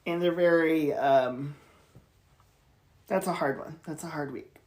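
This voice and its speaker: A woman's voice: sits low, unhurried, background noise. A woman co-hosting a podcast in casual chat, candid and wry, laughing easily with her sister. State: in chemotherapy treatment. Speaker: podcast co-host.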